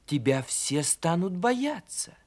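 A man voicing a meddling magical star in a lilting, faintly scolding tone, pitched above his own voice. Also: very animated, takes it slowly, full character voice.

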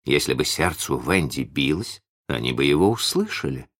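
A man narrating a children's story in an expressive, animated audiobook reading. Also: very deep voice. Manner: animated storytelling, slow and deliberate.

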